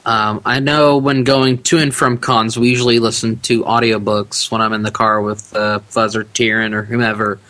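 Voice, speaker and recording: A man speaks as a guest on a casual podcast interview. His voice is bright and forward, and he sounds relaxed and talkative, laughing easily. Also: on the low side, normal speed, hardly any pauses. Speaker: podcast guest, audiobook narrator.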